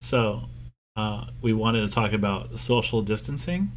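A man co-hosting a podcast in casual comedic chat, with dry, deadpan jokes. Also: on the low side, a little slow, a little hiss or hum. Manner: dry, jokey, deadpan absurd asides. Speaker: podcast co-host.

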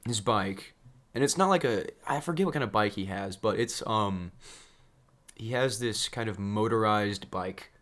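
A man's voice: fairly low pitch, measured pace, a bit bright. A young man co-hosting a podcast, telling a story in casual chat, acting out quotes and laughing often. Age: young adult. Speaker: podcast co-host.

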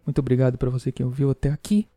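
Teasing man hosting a podcast, mellow voice. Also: medium pitch, little pitch movement, rapid-fire, dry recording, faint music behind. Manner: joking, teasing listeners. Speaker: podcast host. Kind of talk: casual podcast chat.

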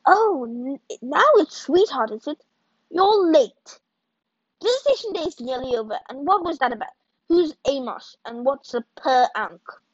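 Sadie the storybook sister, a bossy young teen who snaps out her questions and raises her voice high and sharp, as a woman reading the book puts her on. The recording sounds dull and lo-fi, close and dry with no room around it. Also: expressive, no room sound. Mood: indignant. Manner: scolding, quick and demanding.

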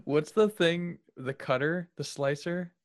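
A man co-hosts a podcast with wry, amused remarks. His voice sits a little high and stays relaxed. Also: measured pace, heavy background noise. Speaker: podcast co-host. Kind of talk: casual chat.

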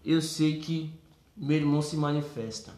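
A man with a Brazilian Portuguese accent telling a testimony story in a casual, animated way, acting out voices and calling listeners brothers. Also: a little high, moderate pace, a crowd in the background. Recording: roomy echo.

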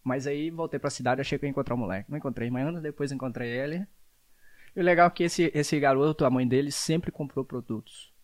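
A man's voice: mid-range voice, fast talker. A man who is a guest in a casual chat, telling anecdotes and laughing often.

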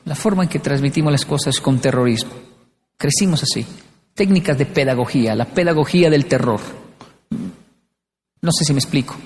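A man's voice: medium pitch, brisk, long pauses. A man giving a humorous motivational talk, acting out little scenes. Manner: animated, acts out scenes. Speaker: motivational speaker. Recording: long hall reverb.

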